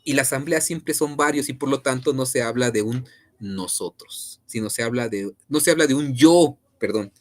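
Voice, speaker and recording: A man with a Mexican accent teaching an online class, conversational and full of fillers and question tags. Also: mid-range voice.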